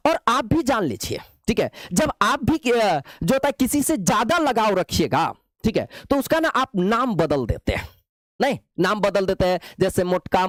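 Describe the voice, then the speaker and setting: Guy teaching chemistry, high voice bouncing all over, dry close sound. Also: dry recording. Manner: playful, repetitive, coaxing students with "babu". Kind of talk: classroom lecture.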